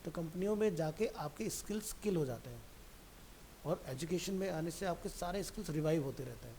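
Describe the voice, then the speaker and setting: A fairly high-voiced man teaching a computer class, relaxed and talkative, speaking straight to his student. A faint hiss runs under the recording. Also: brisk, creaky. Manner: chatty, digressive, addresses student directly. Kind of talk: casual classroom talk.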